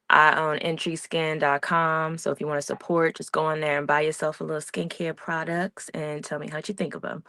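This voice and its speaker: Woman from Pennsylvania, lowish but very bright voice, upbeat panelist, dry sound. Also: smooth, no room sound. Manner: upbeat self-promoting, animated. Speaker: panelist, actor and entrepreneur. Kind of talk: casual panel chat. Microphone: video call.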